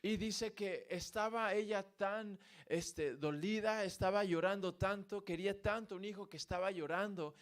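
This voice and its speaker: A man preaching a sermon in a church, swinging between emphatic peaks and quiet, repeated refrains. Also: high-pitched, normal speed, hardly any pauses. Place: church sanctuary.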